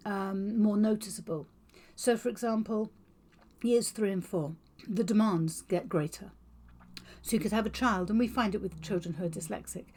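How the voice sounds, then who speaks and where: A woman explaining to camera in an informal lesson, talking fast with clear, exaggerated mouth movements. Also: medium pitch, warm tone. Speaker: educator on auditory processing. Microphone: talking to camera on video.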